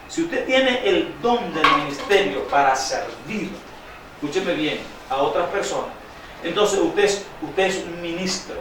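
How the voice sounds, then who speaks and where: A man preaching a sermon, quizzing his congregation with call-and-response questions and reading scripture slowly with emphasis. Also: on the high side, fairly bright tone, slight background noise. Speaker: pastor. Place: church sanctuary. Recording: very echoey church hall, distant mic.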